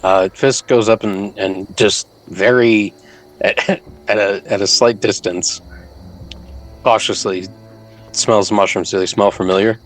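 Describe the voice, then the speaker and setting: A man describing his character's actions in a tabletop game, casually, in a deliberate, halting way. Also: lowish voice, fairly even intonation, soft background music, low-quality recording.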